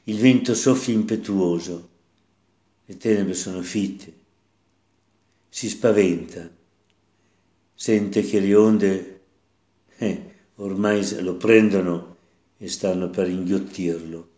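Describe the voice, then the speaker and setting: A man preaching as a priest, reading a Gospel passage and reflecting on it slowly, repeating phrases for emphasis. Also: low voice, fairly even intonation, warm tone, reverberant.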